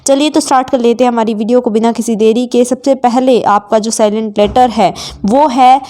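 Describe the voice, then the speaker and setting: A woman giving a spoken vocabulary lesson, slowly spelling out words letter by letter and repeating each one twice. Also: a little high, fairly even intonation, dark tone. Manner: slow, careful, repeats each word twice. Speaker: English teacher.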